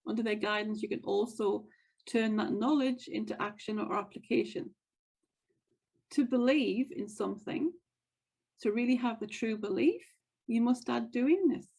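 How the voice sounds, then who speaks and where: A woman's voice: fairly high pitch, moderate pace, vocal fry, a little mellow, breathy edge, low-quality recording. A woman hosting a motivational wealth podcast, speaking in an earnest, encouraging way and repeating her key phrases. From United States. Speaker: podcast host and wealth coach. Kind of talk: motivational monologue.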